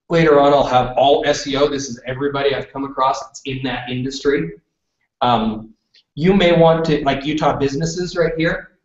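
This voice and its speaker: A man from western Canada leading a live classroom presentation in front of an audience. He talks in a chatty way and keeps checking in with "okay?". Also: medium pitch. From British Columbia, Canada. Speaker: workshop presenter. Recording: roomy, distant, dull room recording.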